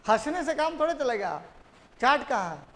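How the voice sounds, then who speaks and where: With a very high-pitched, slightly bright voice full of big pitch swings, a male teacher lectures at normal speed. He keeps quizzing the class and getting students to repeat key terms back to him, and the classroom echoes with long reverb.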